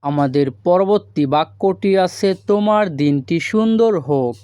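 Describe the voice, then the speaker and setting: A man's voice: sits high, animated, a little slow, warm tone, clean tone, dry recording, clean studio sound. A man teaching phrases as a language lesson, patiently breaking each phrase into parts and repeating it. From Bangladesh. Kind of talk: slow step-by-step phrase lesson.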